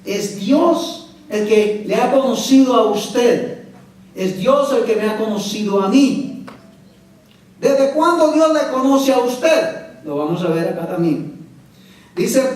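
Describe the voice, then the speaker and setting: A man preaching a sermon as pastor, emphatic and often asking the congregation questions. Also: extremely high pitch. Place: church sanctuary. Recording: echoey church hall from far off.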